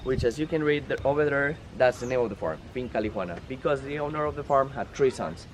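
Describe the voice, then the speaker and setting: A man's voice: medium pitch, quick pace, a little hiss or hum. A man, a native Spanish speaker from Colombia, guiding a group on a coffee farm. He explains patiently and ends many phrases with "okay?". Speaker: tour guide. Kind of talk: guided tour explanation.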